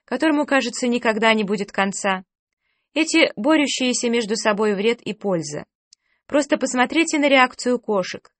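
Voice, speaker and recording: A woman narrating an audiobook in a measured, steady reading voice on a close microphone. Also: medium pitch, dry recording.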